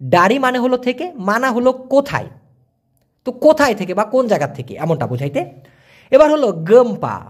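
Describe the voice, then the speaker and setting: A man's voice: very high voice, sing-song, moderate pace. A man teaching a casual language lesson, repeating and spelling out words for learners.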